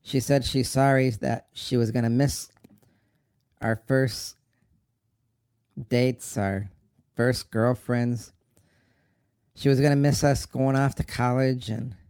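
An actor playing a grieving young man who talks in a slow, halting, tearful way about his mother. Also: medium pitch, vocal fry, darkish tone, smooth, dry recording, clean studio sound. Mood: tender. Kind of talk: dramatic monologue.

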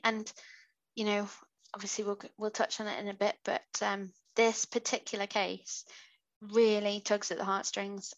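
A woman's voice: mid-range voice, vocal fry, rough recording. A British woman hosting a podcast, reading out a true crime case with chatty asides. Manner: chatty asides while narrating. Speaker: podcast host.

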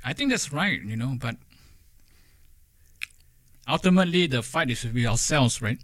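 A Singaporean man speaking as a guest poet in a thoughtful, halting conversation, his English flavoured with Singlish. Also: medium pitch, expressive, a bit bright, no room sound.

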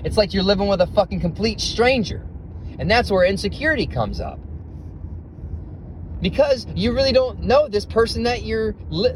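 Man ranting into low-quality phone audio. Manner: intense, profane, rhetorical questions. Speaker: podcast host. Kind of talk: motivational self-talk monologue. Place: inside a car while driving. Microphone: phone recording. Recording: noisy low-quality phone recording in a car. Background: car road noise.

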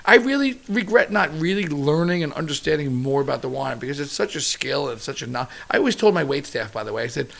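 A middle-aged chef with a deeply gravelly, fry-laden voice. He talks in a loose, animated way, rambling through anecdotes with the odd curse word thrown in. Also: quick pace, few pauses. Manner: animated storyteller, casual and profane. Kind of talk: casual interview chat.

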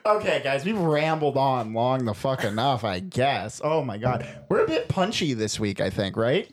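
A man's voice: medium pitch, very animated, moderate pace. A man hosting a nerdy podcast, introducing the episode and then chatting casually with cohosts, swearing and laughing in exasperation. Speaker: podcast host.

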